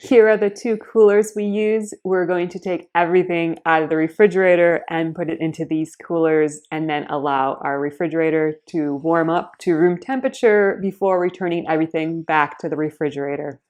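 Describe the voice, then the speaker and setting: A woman's voice: low voice, steady tone, brisk, hardly any pauses, darkish tone. A woman vlogger talking casually and earnestly, explaining things step by step. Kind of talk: casual vlog narration.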